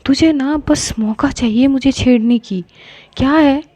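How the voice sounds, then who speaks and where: A woman's voice: high-pitched, a little slow, dark tone, no room sound, voice pushed up. A woman voicing an embarrassed young woman in pain who stammers and brushes off her friend's questions. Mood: irritated. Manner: flustered, stammering, defensive.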